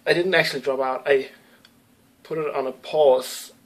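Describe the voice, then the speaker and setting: In a casual webcam vlog shot indoors in a small home room, a young Danish gamer fields viewer questions in Danish-accented English, his second language. His medium-pitched voice moves at a moderate pace with fairly even intonation, though he hesitates often, with plenty of ums and restarts.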